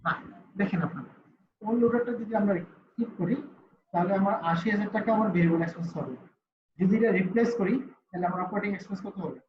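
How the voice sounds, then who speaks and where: A man's voice: sits high, fast, slight background noise. A man teaching an online class, asking students questions and answering them himself. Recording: roomy, slightly dull call audio with faint ambience.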